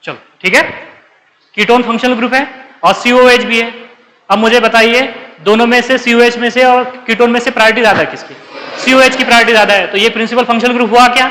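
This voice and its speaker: A man's voice: very high voice, steady tone, quick pace, sharp tone, in a large hall, poor audio. A male chemistry teacher giving a live class lecture, coaxing his students and checking again and again whether they understood. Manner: calls students 'beta', coaxing.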